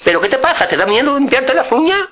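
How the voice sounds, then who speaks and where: A man voicing his stern older uncle, a guitarist, scolding him with rapid questions. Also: very high voice, big pitch swings, sharp tone, voice pushed up, exaggerated voice.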